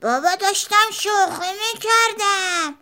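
A shrill, jeering little boy bully, as a woman reading a storybook puts him on. He taunts in a bright, piercing, sing-song voice that keeps climbing. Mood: sheepish. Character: young schoolboy bully, mocking and loud.

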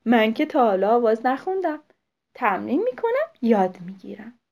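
A woman's voice: fairly high pitch, big pitch swings, vocal fry, darkish tone. A woman voicing an eager, blunt young male owl in a children's story, talking in an earnest, insistent way.

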